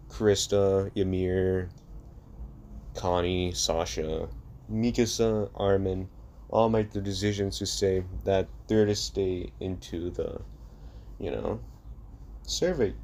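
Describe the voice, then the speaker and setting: A man's voice: lowish voice, mellow, slight background noise. A young man casually telling a fan-made story, rambling with many fillers and restarts.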